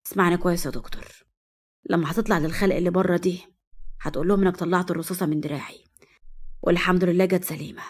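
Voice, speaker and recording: A woman voicing a tough young man with an Egyptian accent, speaking low and hushed. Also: fairly even intonation, very fast, long pauses, close to an everyday voice. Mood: threatening.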